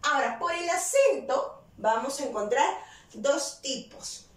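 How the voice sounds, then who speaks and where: Slow, high-voiced woman teaching. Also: lively intonation, far from the mic. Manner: asks rhetorical questions and answers them herself; slow, deliberate explaining with stressed key words. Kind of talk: virtual class lesson. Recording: roomy echo, voice set back from the mic.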